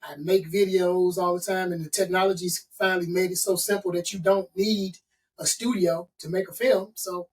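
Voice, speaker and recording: His voice sits high with fairly even intonation and a moderate pace, recorded from a distance. He is a middle-aged consultant and author from Chicago, USA, being interviewed and speaking in an emphatic, motivational manner, listing points one after another.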